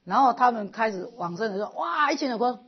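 A middle-aged woman giving a lively, animated storytelling lecture as a Buddhist lay teacher. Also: a little high, quick pace, husky, muffled recording.

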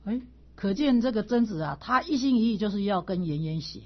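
Husky middle-aged woman teaching a class. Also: mid-range voice, a little fast. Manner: animated storyteller, repeats words and stammers on restarts. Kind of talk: casual teaching talk with personal stories. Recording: dull lo-fi recording.

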